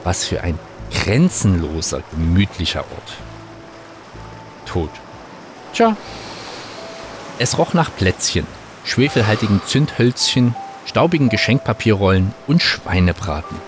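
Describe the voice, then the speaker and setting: A man narrating an audiobook in a calm, wry storytelling manner. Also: on the low side, measured pace, pauses often. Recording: narration over music.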